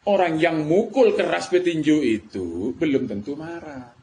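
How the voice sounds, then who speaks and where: A middle-aged male preacher with a Madurese-Javanese Indonesian accent gives an emphatic religious lecture packed with rhetorical questions, slipping in colloquial words. His voice is a little high, expressive and slightly mellow, at normal speed, with faint background noise.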